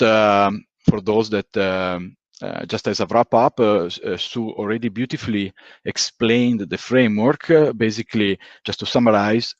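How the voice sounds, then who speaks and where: A man's voice: fairly low pitch, no echo. A man giving a methodical, explanatory conference presentation, heard through a recorded online meeting on a video call. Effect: voice captured in a recorded online meeting. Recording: dull lo-fi online call audio.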